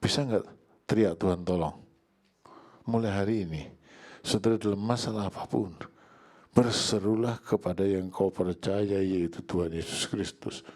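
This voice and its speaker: An older Indonesian pastor, preaching a sermon in church, swinging from hushed prayer to loud crying out. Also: male voice, sits low, moderate pace.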